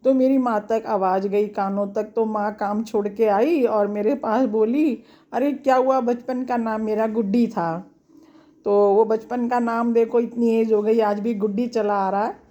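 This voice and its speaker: A middle-aged woman shares a personal memory as a storyteller, homely, reflective and chatty. Her mellow voice sits on the high side with a steady tone and measured pace, captured in a dull lo-fi recording.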